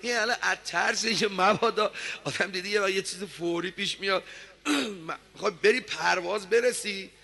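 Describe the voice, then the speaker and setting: A man preaching a sermon, telling a story dramatically and swinging from hushed tones to loud declaiming. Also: high-pitched, creaky.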